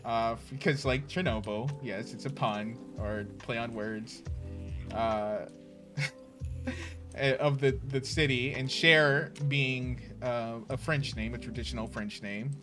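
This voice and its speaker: A man's voice: medium pitch, slow pace. A man hosting a tabletop game stream, chatting casually with many fillers and the odd swear word. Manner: rambling, full of fillers and swearing. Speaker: stream host. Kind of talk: casual chat before a tabletop session. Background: faint background music.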